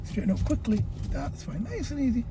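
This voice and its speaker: Inside a moving car, a male driving instructor encouragingly guides a learner step by step, with engine and road noise clearly audible. His voice is very high-pitched and dark in tone, fairly quick, with huge pitch swings.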